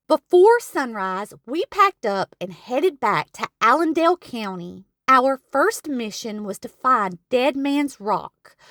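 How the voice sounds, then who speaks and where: Her high, slightly bright voice carries the narration of a local history travel video, read from a script slowly and deliberately. It's recorded close as a voice-over, with no room sound.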